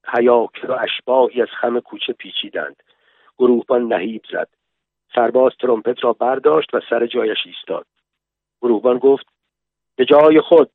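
A man narrating a literary story in a measured, slow storytelling manner, heard over a tinny radio broadcast. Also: medium pitch, no echo.

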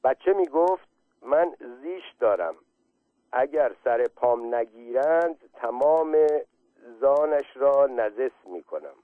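A man's voice: medium pitch, animated, dry recording, natural voice. A man reading aloud and voicing Jafar, a fussy, lecturing male creature who whines and scolds, over a thin, phone-like line. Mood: pleading. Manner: pedantic, lecturing and whining. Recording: tinny phone-like line, dry.

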